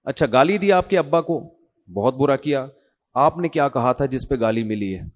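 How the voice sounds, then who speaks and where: A man's voice: medium pitch, lively intonation. A middle-aged Pakistani man giving a conversational religious talk, telling cases and getting emphatic as he makes his points. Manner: conversational, storytelling, acts out quoted voices; grows emphatic and louder when making a point. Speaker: religious scholar. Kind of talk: informal Urdu religious talk to an audience.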